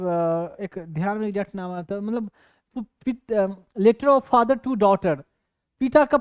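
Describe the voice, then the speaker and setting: Male coaching teacher with a high voice and a loose, rambling manner, recorded dry. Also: clean tone, no echo, muffled recording. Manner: chatty, digressive, mixes in English terms. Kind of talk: casual classroom lecture.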